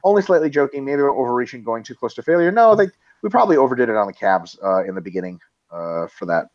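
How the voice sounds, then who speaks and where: A man's voice: medium pitch, sing-song, quick pace, highs cut off. A man co-hosting a casual webinar Q&A, reading out listener questions and answering them bluntly with plenty of swearing. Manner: blunt, emphatic, swears freely.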